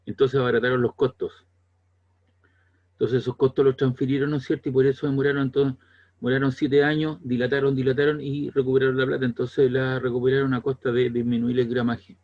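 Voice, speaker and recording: Chilean teacher lecturing, dull recording. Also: male voice, medium pitch, little pitch movement, brisk. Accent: Chilean Spanish. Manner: conversational, keeps checking with the class. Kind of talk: classroom lecture.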